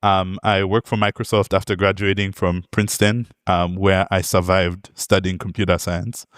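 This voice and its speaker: A young Zambian product manager gives a friendly technical talk in a conference hall, sprinkling in light jokes and plenty of ums and uhs. His deep, smooth, fairly bright voice has a flat delivery at normal speed, recorded dry with studio quality.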